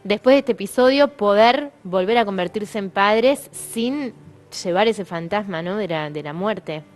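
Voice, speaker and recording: A woman's voice: medium pitch, expressive, a little slow, soft background music. A woman with an Argentine accent hosting a panel interview, asking conversational questions that she rephrases as she goes, seeking agreement. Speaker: TV panel host.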